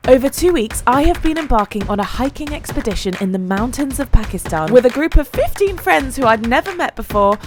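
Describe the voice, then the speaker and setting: Lively woman narrating a travel vlog. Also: medium pitch. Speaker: travel vlogger. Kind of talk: scripted voice-over narration.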